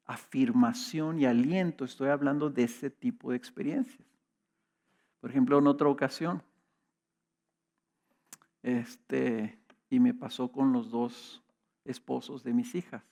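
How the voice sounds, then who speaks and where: Gravelly pastor telling stories. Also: male voice, mid-range voice, fairly even intonation, measured pace, pauses often, darkish tone. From Mexico. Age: middle-aged. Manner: conversational storytelling with rhetorical questions. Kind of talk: sermon with personal storytelling.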